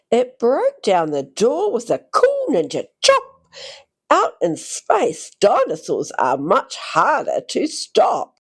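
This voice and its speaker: A woman gives an expressive read-aloud of a rhyming picture book for young children, her tone darkish with some creak. She goes unhurriedly, her pitch swinging widely, and stretches out phrases theatrically.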